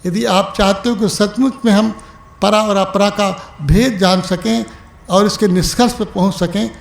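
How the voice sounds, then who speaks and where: In an echoing hall, a spiritual teacher speaks in a high, gravelly voice with fairly even intonation during an evening discourse. Calling his listeners "my dear" and "my brother," he alternates rising exhortation with soft, unhurried asides.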